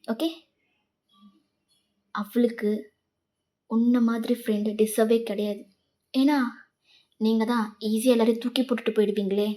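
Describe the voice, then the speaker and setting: Cold male professor, scolding and clipped, in a soft, warm tone; a woman reads him. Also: on the high side, little pitch movement, unhurried, long pauses, close to an everyday voice.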